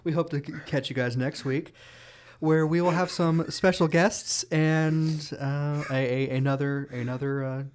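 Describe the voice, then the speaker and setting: A man's voice: a little high, steady tone, darkish tone, smooth. Playful young man co-hosting a podcast. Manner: playful, halting, restarts often. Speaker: podcast co-host. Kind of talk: casual chat.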